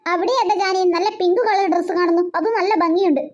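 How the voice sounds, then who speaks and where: A woman's voice: very high-pitched, fairly even intonation, fast, highs cut off. A woman voicing a firm, scolding mother of two girls in a cartoon. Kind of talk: cartoon voice acting.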